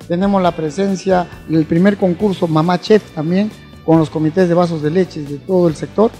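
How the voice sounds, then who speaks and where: Middle-aged peruvian guy, mellow voice, lots of "eh" pauses, handheld mic, faint music. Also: sits high, steady tone. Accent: Peruvian Spanish. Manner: halting, many fillers, promotional. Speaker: event organizer. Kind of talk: on-camera interview. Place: indoors in a formal hall. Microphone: handheld station mic.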